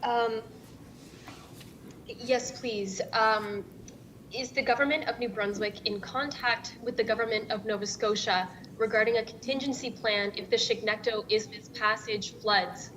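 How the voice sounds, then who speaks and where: A woman's voice: steady tone, unhurried, a bit bright. A woman asking questions remotely as a news reporter at a press briefing, polite and a little hesitant. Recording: muffled remote call line, noisy, rumbling.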